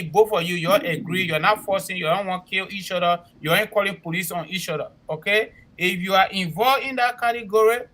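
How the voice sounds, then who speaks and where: High-pitched, bright West African man. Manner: emphatic, repeats himself for clarity. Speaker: co-host and immigration consultant. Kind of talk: spoken promotional announcement on a talk show.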